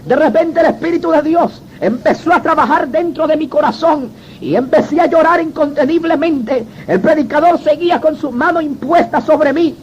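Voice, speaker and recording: Man, very high voice, religious testimony, dramatic storytelling, dull lo-fi recording with faint hiss. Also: normal speed. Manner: dramatic storytelling, addresses the listener as brother. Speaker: former gang member giving a testimony.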